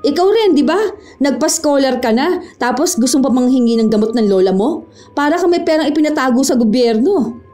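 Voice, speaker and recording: A woman's voice: high voice, animated, a little fast. A woman playing a snippy young clerk. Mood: scornful. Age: young adult. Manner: sharp, scornful and quarrelsome. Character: rude, haughty young female town-hall clerk.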